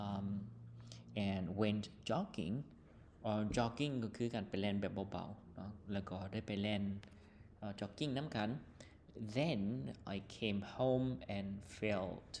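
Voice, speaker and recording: A male teacher with a Lao accent explaining an English textbook lesson, reading English words slowly, then explaining them quickly with many fillers. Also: on the low side, darkish tone, slight background noise.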